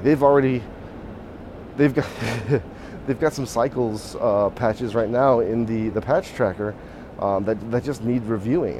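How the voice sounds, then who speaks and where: Out on a city street, a podcast host with a mid-range voice rambles through a casual walk-and-talk monologue, restarting sentences and chuckling softly. He's hoarse, his voice mostly shot. Faint street and traffic noise runs underneath.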